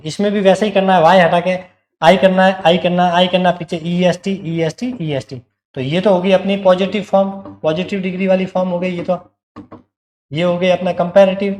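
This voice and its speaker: A man's voice: high-pitched, a little mellow, reverberant. A male teacher giving an online exam-prep grammar lesson, explaining step by step, repeating key words and asking the class questions.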